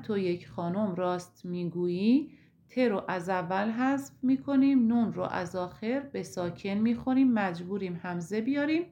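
A woman with a Persian accent, teaching an Arabic grammar lesson slowly and step by step. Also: medium pitch, a little mellow. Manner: slow, deliberate, explaining step by step.

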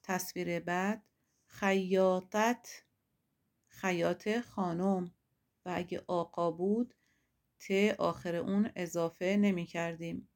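Woman teacher, lower voice, slow careful explainer who lands each key word. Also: fairly even intonation, darkish tone. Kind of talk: Arabic lesson in Persian.

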